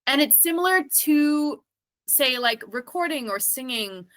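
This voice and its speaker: A singer and actor appears as a guest in a laid-back interview, speaking at a measured pace in a high, somewhat bright voice with lively intonation. She is thoughtful but rambles, and "like" crops up constantly.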